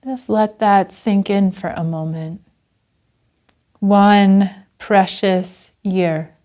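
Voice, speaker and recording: A woman Zen teacher leads a guided meditation, gentle and unhurried, leaving long pauses. Her mid-range voice keeps a steady tone.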